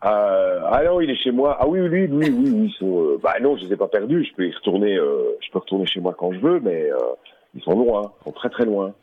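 A man's voice: on the low side, big pitch swings, brisk, husky. A man phoning into a radio show, staying in character as a game explorer and talking in a hesitant, distracted way while commenting on what he sees. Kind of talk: in-character phone chat. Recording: tinny phone line.

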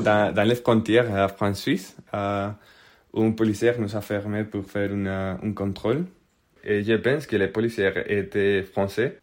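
A young man from Spain tells a casual anecdote in French, his Spanish accent plain throughout. His voice sits a little low. He often pauses with fillers and restarts while hunting for the right French word. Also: darkish tone. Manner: hesitant, searching for French words with frequent fillers. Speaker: guest telling a personal story.

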